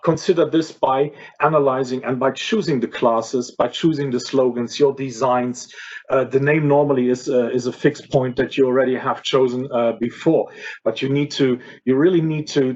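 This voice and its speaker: A man presents a workshop with a husky, worn voice. He is losing his voice and keeps stumbling through fillers and restarts. The audio is dull and lo-fi. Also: medium pitch, a little mellow. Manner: hesitant, many fillers and restarts. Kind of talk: explanatory workshop talk.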